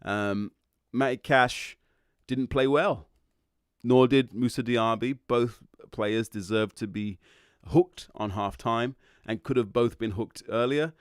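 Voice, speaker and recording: Wry, smooth-voiced man reviewing a match. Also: medium pitch, takes it slowly, no echo, clean studio sound. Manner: chatty, wry and opinionated, with frequent ums. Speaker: football podcast host. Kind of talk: casual match analysis monologue.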